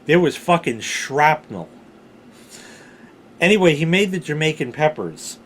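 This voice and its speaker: A middle-aged man telling rambling personal stories casually, with animated, salty emphasis on key words. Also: on the high side, measured pace, a little hiss or hum. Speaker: storyteller, vlog host.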